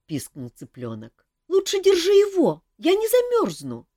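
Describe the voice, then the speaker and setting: A woman voicing a frightened young male wizard turned into a chick, with a squeaky, piping voice and anxious questions. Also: huge pitch swings, moderate pace, mellow, no room sound, studio quality, exaggerated voice.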